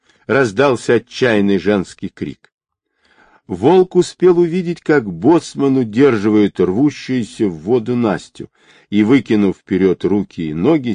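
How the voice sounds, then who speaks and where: A man narrating an adventure audiobook in an energetic, dramatic way. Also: on the low side, dry recording.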